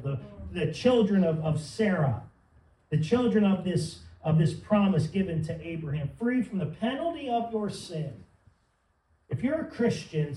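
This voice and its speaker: A man's voice: high voice, warm tone. A man preaching a sermon in church, fervent and building to emphatic peaks. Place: church sanctuary. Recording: roomy sound from some distance.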